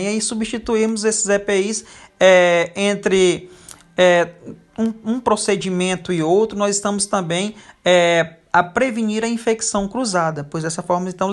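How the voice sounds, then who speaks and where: A teacher giving a recorded lecture over slides, pausing often with fillers. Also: medium pitch. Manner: frequent hesitation fillers.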